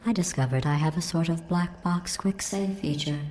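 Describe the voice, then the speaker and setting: An actress voicing a cold, passive-aggressive female AI computer through a robotic filter, speaking in a deadpan, politely menacing tone. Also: on the low side, moderate pace. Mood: deadpan sarcastic. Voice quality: smooth synthetic monotone. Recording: echoey game audio.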